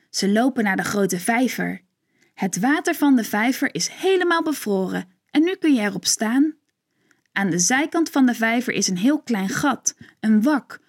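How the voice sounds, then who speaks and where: A woman narrating a children's story in a gentle, clear storytelling manner. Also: on the high side.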